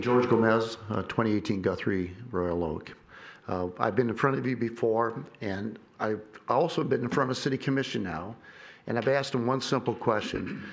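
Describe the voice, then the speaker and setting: A man speaking as a resident during public comment at a city zoning meeting, earnest and persuasive, slowing down to stress his points. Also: medium pitch, creaky. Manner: earnest, persuasive, slows down for emphasis.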